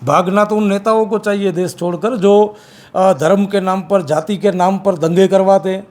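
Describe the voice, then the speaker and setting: Guy, activist being interviewed, pretty high voice, hammers the same points over and over. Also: fairly even intonation, moderate pace. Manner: forceful, repetitive, emphatic. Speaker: campaign activist. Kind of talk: interview, political criticism.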